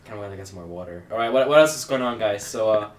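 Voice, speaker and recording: A man's voice: on the low side, lively intonation, rapid-fire, reverberant. A young man co-hosting a casual gaming podcast, rambling with many fillers. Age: young adult. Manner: rambling, laid-back, lots of fillers. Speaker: podcast co-host.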